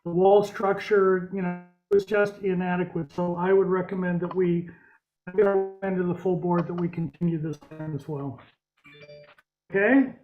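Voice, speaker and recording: A man's voice: high voice, flat delivery, normal speed, muffled recording, faint music behind. Man chairing a conference call. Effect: conference call audio, breaking up. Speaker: board chair. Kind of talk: chairing an online meeting.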